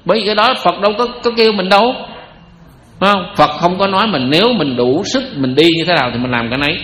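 A Buddhist teacher's high, quick, fairly bright voice carries a little hiss or hum in an echoing hall. Speaking with a Southern Vietnamese accent, he jokes, chats, and tosses rhetorical questions at those listening.

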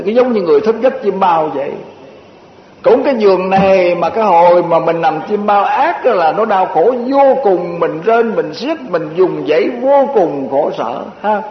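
A man delivers a Buddhist dharma talk in a high, light voice. He speaks in a homely, repetitive way, piling up short lists and slipping in chuckling asides. The recording is muffled, with a long echoing hall reverb and a faint hiss underneath. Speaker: Buddhist teacher.

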